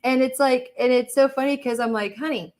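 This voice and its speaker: A woman's voice: high voice, steady tone, a little fast, a little mellow. A chatty woman hosting a casual livestream, laughing often and reading viewer comments. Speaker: livestream host.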